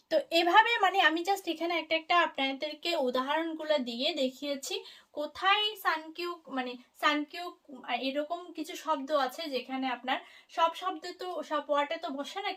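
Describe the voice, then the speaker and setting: High pitched lady teacher doing an online class, says example words slow and careful, some ums. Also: fairly bright tone. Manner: repeats example words slowly and deliberately. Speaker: language teacher. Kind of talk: explanatory online lesson.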